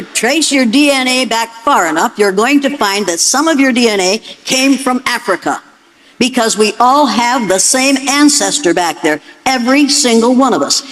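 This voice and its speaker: A woman's voice: on the high side, rough recording. An older woman with an American accent speaks as an educator lecturing an audience, blunt, emphatic and commanding.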